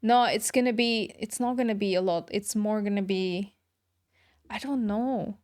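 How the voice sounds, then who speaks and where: A woman's medium-pitched, darkish voice comes at a normal speed as she streams a game. She chats informally with her viewers, reacting to their comments, while music plays behind her.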